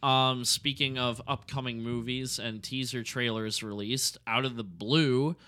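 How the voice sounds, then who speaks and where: A man's voice: mid-range voice, fairly even intonation, measured pace, pushed and bright. A man co-hosting a podcast, chatting casually and relaying movie news with an easygoing manner. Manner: easygoing, laughs, stumbles over names. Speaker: podcast co-host. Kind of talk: casual chat, reading news.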